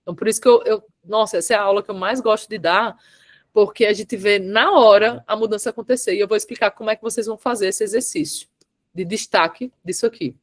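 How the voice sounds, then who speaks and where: A woman's voice: mid-range voice, no echo. A woman teaching a public speaking workshop over a video call, stretching out stressed syllables and often checking in with her listeners. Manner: emphatic, drawn-out stressed syllables, frequent "tá?" and "certo?" checks. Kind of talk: online workshop lesson.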